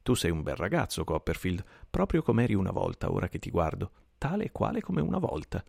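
A man's voice: low-pitched, big pitch swings, a little fast, vocal fry, darkish tone, slightly rough, no room sound, studio quality, exaggerated voice. A man voicing a cheerful, cordial young male Oxford student who talks in a breezy, affectionate, teasing way. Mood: jovial.

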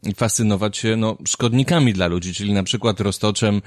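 A man's voice: lowish voice, a little fast, no room sound, clean studio sound. A man hosting an interview, asking questions casually and hesitantly, with many fillers. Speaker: interviewer, host. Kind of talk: interview conversation.

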